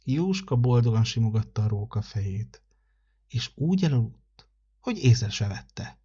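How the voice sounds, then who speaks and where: Husky man reading a children's story. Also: medium pitch, highs cut off. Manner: calm, measured narration. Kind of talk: read-aloud children's story.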